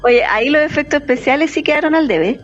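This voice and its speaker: A woman's voice: high voice, fast talker, highs cut off, faint music behind. A woman co-hosting a casual podcast, responsive and reminiscing. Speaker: podcast co-host.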